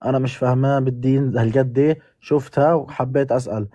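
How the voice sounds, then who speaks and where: A man's voice: medium pitch, fairly even intonation, fast talker, warm tone, no room sound, clean studio sound. A man calling into a live debate, insisting on finishing his question.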